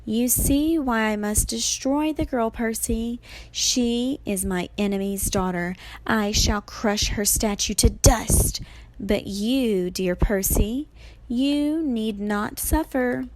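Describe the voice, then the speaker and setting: Woman voicing Medusa, a slow purring old monster. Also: medium pitch, darkish tone, no echo, rough recording. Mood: coaxing, sinister. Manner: coaxing purr that breaks into snarls. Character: sinister grandmotherly female monster, falsely sweet, then vengeful.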